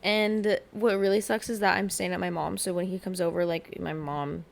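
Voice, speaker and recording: A young woman with a light Southern US accent co-hosts a casual podcast, chatting candidly and giggling between stories while leaning on "like" and stretching out her filler words. Her voice sits on the low side with a steady tone and turns gravelly and fry-tinged at the ends of phrases. There's slight background noise.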